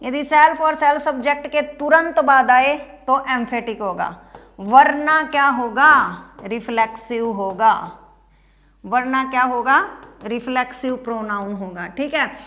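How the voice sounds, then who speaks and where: A woman's voice: sits high, measured pace, a bit bright. A woman with a Haryana Indian accent teaching an English grammar lesson, asking the students questions and answering them herself.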